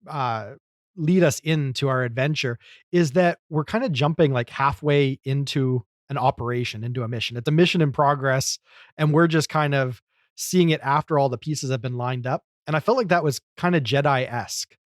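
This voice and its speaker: A man co-hosts a podcast, chatting casually and at length as he explains things in commentary-style discussion. His voice is mid-range and his pace moderate, captured in a dry, clean studio recording.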